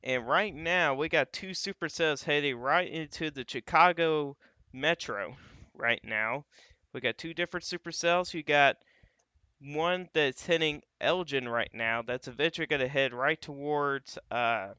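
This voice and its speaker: A man's voice: fairly high pitch, unhurried, sharp tone, smooth, dry recording, highs cut off. Casual man commenting live on radar. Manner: casual, thinking aloud, frequent "uh" and "you got". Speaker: livestream weather host.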